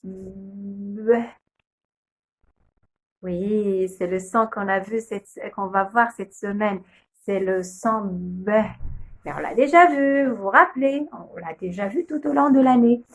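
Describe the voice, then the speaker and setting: Slow, patient woman teaching phonics. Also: medium pitch. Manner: slow, patient, sounding out letters and syllables. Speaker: kindergarten teacher. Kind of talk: phonics lesson video.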